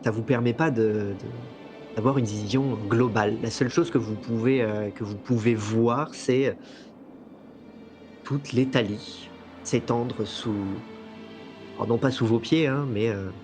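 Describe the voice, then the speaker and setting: A man narrating a tabletop game as game master, with a theatrical, deliberate storytelling delivery. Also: medium pitch, fairly even intonation. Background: soft music bed.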